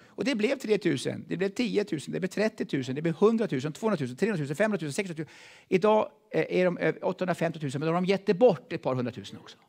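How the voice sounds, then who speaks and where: Swedish pastor guy preaching, lively swingy voice a bit high, gets loud then goes quiet, repeats stuff. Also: vocal fry. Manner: emphatic, repeats words, swings from loud to hushed. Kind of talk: sermon. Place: church hall.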